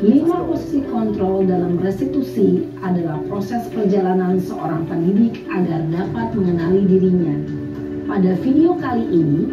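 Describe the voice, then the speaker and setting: A woman reading scripted educational narration as the presenter of a lesson. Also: on the low side. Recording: echoey, slightly distant, music behind. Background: music.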